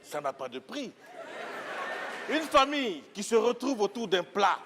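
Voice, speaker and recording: A man on stage who delivers a mock advertisement in a slow, solemn, drawn-out manner. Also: sits high, big pitch swings, crowd noise. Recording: audience and noisy stage ambience.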